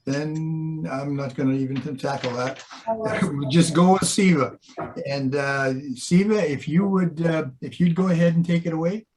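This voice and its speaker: A man hosting an online club meeting, reading out birthdays and handing over to a speaker in a relaxed, hesitant way. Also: on the high side, normal speed, a little hiss or hum. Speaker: meeting host. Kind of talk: meeting chair announcements.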